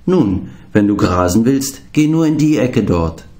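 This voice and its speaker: Male reader playing sneering storybook horses, slow and mocking. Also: mid-range voice, lively intonation, mellow, natural voice. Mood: scornful. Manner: scornful, gossiping. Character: herd of snobbish mocking horses.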